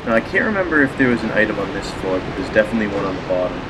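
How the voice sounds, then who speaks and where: Over steady background noise, a man rattles off rapid-fire, rambling, chatty commentary while playing a video game. He's a let's play host whose fairly low-pitched voice sounds stuffy from a cold.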